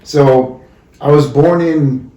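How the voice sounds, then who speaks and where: A man's voice: fairly high pitch, takes it slowly, mellow. A man from Cameroon hosting a podcast, enthusiastic and affirming, often answering with "yeah". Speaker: podcast host. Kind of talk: casual podcast interview. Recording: roomy, distant mic.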